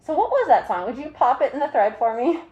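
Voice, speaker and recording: A woman with a fairly high voice chats casually on a livestream, speaking through a mask and face shield. She rambles in a friendly-host format, tossing in jokey asides as she goes. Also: very animated, fast talker, highs cut off. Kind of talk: casual live video chat.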